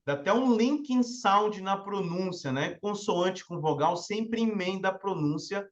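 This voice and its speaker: A man's voice: high voice, animated, unhurried, dull audio. A man with a Brazilian Portuguese accent teaching English in a live online lesson, explaining step by step and often checking in with his listeners.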